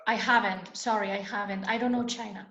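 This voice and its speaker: A woman's voice: mid-range voice, fairly even intonation, brisk, gravelly, fairly bright tone. A woman from Spain with a Spanish accent, a guest educator talking hesitantly with many fillers in an online interview. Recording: echoey, dull lo-fi call audio.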